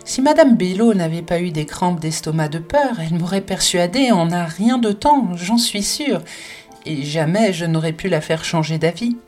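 A woman's voice: fairly low pitch, expressive, normal speed, a little mellow, faint music behind, lightly acted. A woman voicing a spirited, passionate French woman in an audiobook, talking emphatically and with many exclamations. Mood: emphatic. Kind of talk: audiobook character reading.

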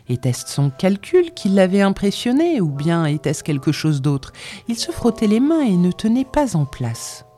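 A woman reading a literary story aloud as narrator, measured and expressive. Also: lowish voice.

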